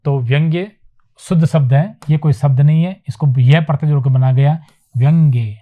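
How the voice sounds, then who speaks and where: A man teaching a Hindi spelling lesson at a whiteboard, repeating each word slowly and asking himself questions before he answers them. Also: on the high side, warm tone. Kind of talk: classroom lecture on spelling. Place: classroom with whiteboard.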